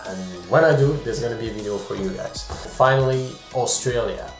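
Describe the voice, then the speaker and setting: A man's voice: medium pitch, fairly quick, reverberant, soft background music. A man from France, a travel vlogger and photographer, talking casually to the camera in a chatty way, breaking off for joking asides. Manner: chatty, self-interrupting, jokey asides.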